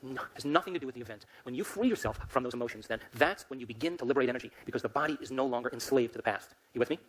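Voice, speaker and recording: Male motivational speaker, mid-pitched, talks very fast, keeps quizzing the crowd. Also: low-quality recording. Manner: rapid, emphatic, quizzes the audience with questions. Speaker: lecturer. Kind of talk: motivational lecture to a live audience.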